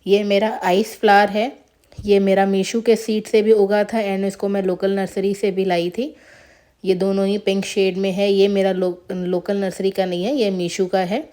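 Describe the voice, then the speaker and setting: A woman's voice: medium pitch, little pitch movement, moderate pace, warm tone. A woman casually narrating a tour of her flowering plants as a gardening vlogger, chatty and showing each plant in turn. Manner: chatty, shows plants one by one.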